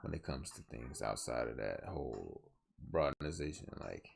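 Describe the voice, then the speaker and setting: A man's voice: a bass voice, lively intonation, moderate pace, gravelly. A young man hosting a solo podcast, talking earnestly and rambling with many restarts, tired and yawning. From southwest Georgia, US. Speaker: podcast host.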